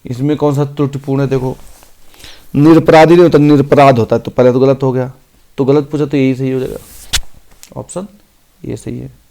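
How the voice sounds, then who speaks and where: A man teaching an exam-prep grammar lesson, reading each sentence out slowly and then explaining it briskly. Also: medium pitch, flat delivery, vocal fry, warm tone. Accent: Hindi.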